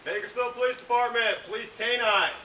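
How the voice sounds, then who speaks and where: A police K9 officer giving firm, repeated warnings through a megaphone, outdoors in a residential neighborhood at night. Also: male voice, extremely high pitch, a little fast. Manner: firm, repeated shouted commands. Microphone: police body camera. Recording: echoey, distant, noisy bodycam audio.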